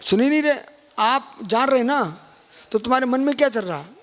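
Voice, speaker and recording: A man's voice: extremely high pitch, animated, fairly quick, a bit bright. A man, a Jain monk, giving a live scripture lecture and keep prodding listeners with questions. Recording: long hall reverb.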